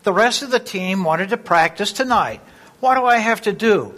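A man's voice: high voice, animated, normal speed, fairly bright tone. Man playing a blustery grandfather. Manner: blustery, bossy. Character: gruff grandfather who wants to go bowling. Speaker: church member in a skit. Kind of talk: amateur church skit acting.

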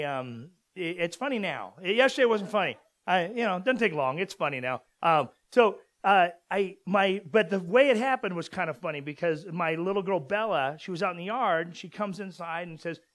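High-voiced rambling man from Southern California. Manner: rambling storyteller with many fillers and restarts. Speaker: pastor. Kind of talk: casual conversational sermon.

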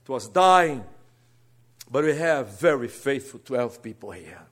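Preaching as a guest, a seminary teacher from Brazil speaks with a Brazilian Portuguese accent in an animated, mid-range voice at a measured pace. His sermon is earnest, moving from soft asides to emphatic rises.

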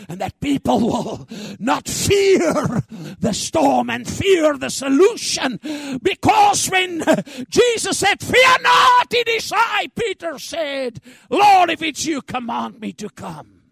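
Woman, preacher, roaring rallying speech, high voice, creaky husky edge, declamatory. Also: very animated, slow, few pauses, no echo. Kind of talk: rallying sermon and prayer.

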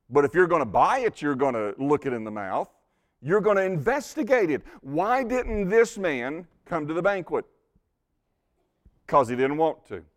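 A man preaching a sermon, telling stories with animated delivery, often repeating words as he starts a phrase and dropping to a hushed, intense tone for emphasis. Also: a little high. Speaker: pastor.

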